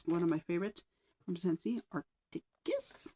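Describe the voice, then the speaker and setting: A woman vlogger chatting casually at home, rambling a little with sighs and soft asides, slightly out of breath. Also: lowish voice, unhurried, gravelly, slight background noise, rough recording. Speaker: wax melt vlogger. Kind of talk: casual chat. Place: home room with oil diffuser.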